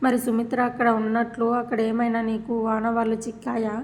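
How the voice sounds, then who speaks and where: A woman voicing a stern middle-aged man who shouts in anger while defending his wife. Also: on the high side, monotone, a little fast, lightly acted. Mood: shouting, stern.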